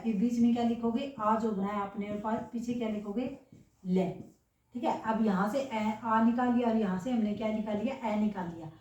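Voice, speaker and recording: A woman's voice: mid-range voice, dark tone, lo-fi sound. A woman teaching a grammar lesson, who keeps asking rhetorical questions and checking that her students understand. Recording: echoey room, voice from far off.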